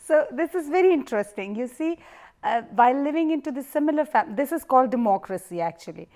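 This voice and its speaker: A woman's voice: high voice, expressive, quick pace, darkish tone. A woman hosting a TV talk show, introducing her guest effusively and asking long, formal questions. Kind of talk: hosting an interview.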